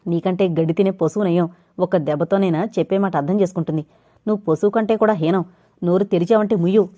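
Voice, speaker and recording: An angry young husband who drinks snaps back at his wife, loud and curt, as a woman narrator puts him on. The lines come fast and raised over a mellow tone, in an audio novel. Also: medium pitch, natural voice.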